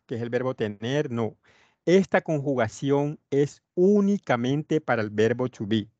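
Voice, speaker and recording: A man's voice: medium pitch, darkish tone, no room sound, muffled recording. A man teaching English in an online class, explaining grammar step by step and repeating his points. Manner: explains slowly, repeating points with many "etcétera". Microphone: computer mic on a video call.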